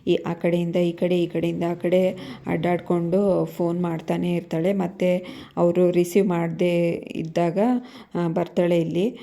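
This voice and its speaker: A woman casually retelling the plot of a TV serial episode in a steady way. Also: fairly low pitch, a little slow, creaky. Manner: monotone, steady retelling with fillers. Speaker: serial recap narrator.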